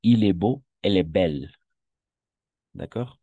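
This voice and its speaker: A man's voice: low-pitched, animated, warm tone, husky, no echo, muffled recording. A man teaching French to a class, patient and repeating each word for the students. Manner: slow, patient, repeats words for drilling. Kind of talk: classroom lesson.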